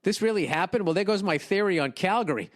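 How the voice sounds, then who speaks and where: A middle-aged man, hosting a podcast, reading listener emails and riffing on them with profane, animated comedy. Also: sits high, fast talker.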